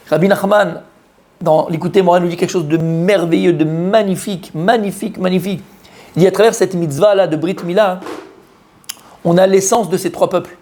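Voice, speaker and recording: A man's voice: a little high, darkish tone. A man, a rabbi, giving an informal Torah lesson to a live group, talking straight to his listeners and repeating key words with many fillers. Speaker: rabbi teaching a Torah class.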